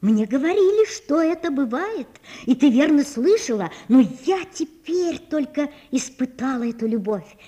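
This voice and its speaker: A woman voicing a passionate, lovestruck young woman who pleads and shouts in an audiobook. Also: high voice, expressive, moderate pace, voice pushed up. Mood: rapturous. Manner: emotional, pleading, breaks into shouting. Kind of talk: audiobook character reading.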